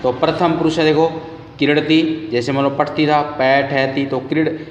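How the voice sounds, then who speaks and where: A man teaching a class, patiently repeating word forms slowly for his students. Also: a little high, little pitch movement, a little hiss or hum. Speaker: Sanskrit teacher. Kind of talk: classroom lesson. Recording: roomy, distant, dull lo-fi sound.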